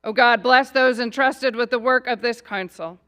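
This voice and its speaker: A woman pastor leads a public prayer in a Northern Irish accent blended with American tones. Her voice is bright and clear, and her delivery is measured and rhythmic. She lets each line settle before the next. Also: a little high. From Northern Ireland.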